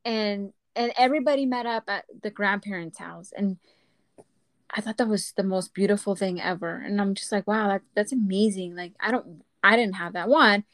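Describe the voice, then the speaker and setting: A woman's voice: medium pitch, normal speed, fairly bright tone, no echo. A woman in her thirties co-hosting a podcast, chatting animatedly and slipping Spanish phrases into her talk. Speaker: podcast co-host. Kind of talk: casual chat.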